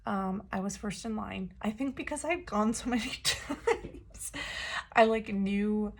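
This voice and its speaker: A woman's voice: medium pitch, unhurried, a little hiss or hum. A woman vlogger telling a story in a casual, rambling way, full of fillers and "like". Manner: chatty, rambling, many fillers and "like".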